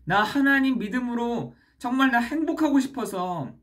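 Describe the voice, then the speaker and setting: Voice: mid-range voice, a little fast, lightly acted. A preacher crying out as a despairing young man. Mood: anguished pleading. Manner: pleading, raised and complaining. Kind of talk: acted quote in a sermon.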